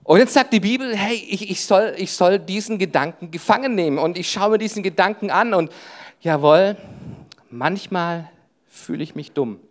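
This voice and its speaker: Male preacher, family man, youth sermon, punchy and direct, peppered with "hey", sinks his voice low for inner thoughts. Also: expressive, normal speed. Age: adult with wife and children. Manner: emphatic, often breaks in with "hey". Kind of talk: sermon to young people.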